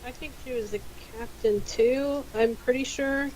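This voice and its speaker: A woman's voice: sits high, fairly even intonation, unhurried, a little mellow, slight background noise, poor audio. A woman chatting casually and speaking in character as a player in a tabletop role-playing game.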